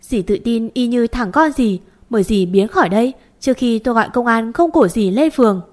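A woman voicing a fierce young daughter-in-law shouting in anger. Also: fairly high pitch, animated, fairly quick, lightly acted. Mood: furious. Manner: sharp, shouting.

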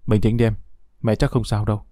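A man reading an audio story, voicing a young husband who talks calmly and steadily. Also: mid-range voice, no room sound, studio quality, close to an everyday voice. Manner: calm, measured.

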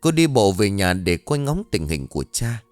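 A man narrating a ghost story in an expressive, dramatic scripted reading. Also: on the low side, moderate pace, dry recording, soft background music.

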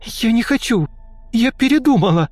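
A man voicing a sulky, rude young woman who talks in a snappish, slangy way and turns shrill when upset. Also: very animated, measured pace, darkish tone, breathy edge, dry recording, soft background music, full character voice. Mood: panicked.

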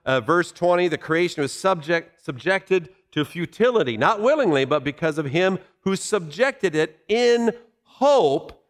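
A man preaching a sermon in a conversational way, explaining Bible verses with asides and rhetorical questions. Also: a little high. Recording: long hall reverb.

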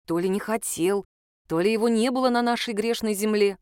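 Wry, lively woman storyteller, dry sound. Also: mid-range voice, brisk, clean tone, dry recording. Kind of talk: first-person story narration.

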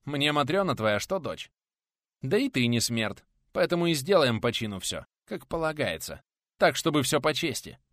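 A man's voice: mid-range voice, sing-song, moderate pace, a bit bright, no echo, studio quality, pitched above the performer's own voice. Man doing a grumpy old teacher. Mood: earnest. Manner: curt, grumbling replies. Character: grumpy elderly male teacher, stubborn.

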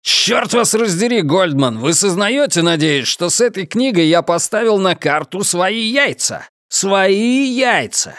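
A foul-mouthed, bullying publisher, voiced by a male reader in a storybook, raised in pitch and pushing hard as he swears and threatens. The reading is close and dry. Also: expressive, measured pace, hardly any pauses, a bit bright, no echo. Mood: furious. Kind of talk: audiobook character voice.

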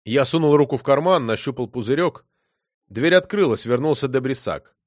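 A man's voice: mid-range voice, moderate pace, dry recording. Brief: male audiobook narrator, dramatic first-person reading, dry close recording. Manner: expressive, dramatic. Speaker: audiobook reader.

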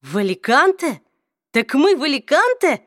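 A woman voicing a weak, hungry young male vampire who speaks hoarsely and strained. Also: high voice, very animated, moderate pace, no room sound, studio quality, pitched above the performer's own voice. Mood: panicked, strained.

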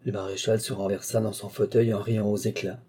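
A man reading a classic novel aloud as an audiobook, in a measured storytelling delivery. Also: on the low side, little pitch movement, dark tone, breathy edge. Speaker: audiobook reader. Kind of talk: scripted narration of a classic novel.

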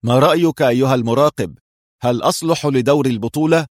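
A cocky male spy hero teases his captor with dry sarcasm, voiced by a male narrator. He sounds relaxed and mocking. The recording is dry and close. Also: lowish voice, fairly quick, no room sound, natural voice.

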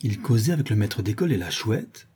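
Man doing a rough Parisian brawler, slangy, rambling, loyal, husky tone. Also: fairly low pitch, very animated, fairly quick, mellow. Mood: confiding. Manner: street slang, rambling storytelling.

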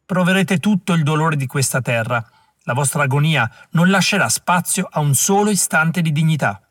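A man's voice: a little high, animated, normal speed, fairly bright tone, no room sound, clean studio sound. A man voicing a fierce, vengeful widow with second sight, speaking grave prophetic curses in an audiobook. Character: fierce vengeful Mohawk widow, seer, woman.

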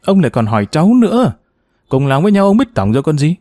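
Brief: male narrator voicing a jealous, defiant village wife, sulky and complaining, lively dark voice. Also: fairly high pitch, quick pace, no echo, clean studio sound. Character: resentful jealous middle-aged village woman, sulky and defiant.

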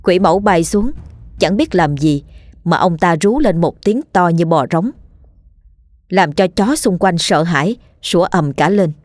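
A woman narrating a ghost story in a steady, vivid storytelling manner. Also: on the low side, a little slow, no echo. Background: faint background music.

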